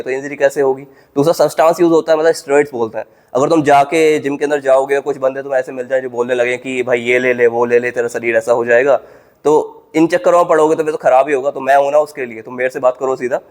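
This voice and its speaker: A man's voice: a little high, darkish tone. A young man giving casual, direct advice to viewers in a vlog, recorded in a gym. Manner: brisk, informal, addresses viewers directly. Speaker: exam coaching YouTuber.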